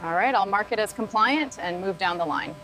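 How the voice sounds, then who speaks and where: A woman's voice: mid-range voice, animated, a little fast, loud music behind the voice, low-quality recording. A woman technician giving brief confirming replies.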